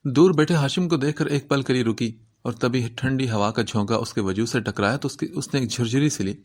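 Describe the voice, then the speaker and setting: A man reading an Urdu romance novel aloud as narrator, in an even storytelling manner. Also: mid-range voice.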